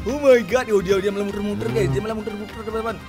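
A woman hosting a gameplay video, commentating loudly and shrieking in mock panic. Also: medium pitch, fairly even intonation, rapid-fire. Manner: shrieks and shouts in mock panic, talks to viewers. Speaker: gaming video host. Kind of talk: excited Minecraft gameplay commentary. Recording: loud game music behind.

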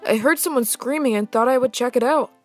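A woman's voice: fairly high pitch, a little fast, a little mellow, faint music behind, close to an everyday voice. Woman voicing a laid-back, flirty guy doll. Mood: casual. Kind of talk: amateur doll-play skit acting.

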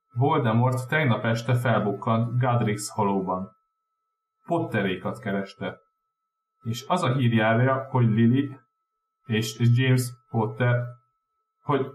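A man's voice: mid-range voice, recorded from a distance, a little hiss or hum, lightly acted. A man doing a stammering stern old professor woman. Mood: anxious. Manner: stammering when upset. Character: stern, anxious older female professor. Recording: roomy room echo.

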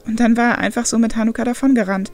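A woman reading a story aloud in a calm, measured narrating voice. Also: on the high side, faint music behind. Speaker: audiobook reader.

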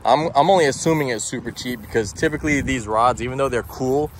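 A man's voice: medium pitch, quick pace. Guy filming his buddy fishing, chatty, talks to the viewers, outdoors with faint traffic hum. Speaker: fishing vlog co-host filming. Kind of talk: casual outdoor vlog chat. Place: outdoors by a golf course pond.

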